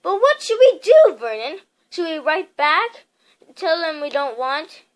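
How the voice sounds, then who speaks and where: A woman's voice: high voice, huge pitch swings, slow, heavily acted. A woman voicing Aunt Petunia, a frightened, fretful woman who speaks in a quivering, panicky voice in a storybook reading.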